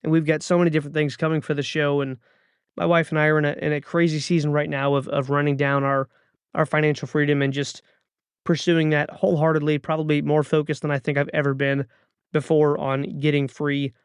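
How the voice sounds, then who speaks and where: Thirties male podcast host; earnest motivational monologue, urging and repetitive; gravelly, dry close-mic. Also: a little high, flat delivery, a little fast, no room sound. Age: 30s.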